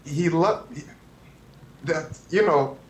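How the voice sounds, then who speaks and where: A man in his fifties, a photographer telling stories as an interview guest, animated and prone to restarts. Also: on the high side, slow pace, reverberant, slight background noise, poor audio. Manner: animated, restarts and acts out quotes. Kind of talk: anecdotal interview storytelling.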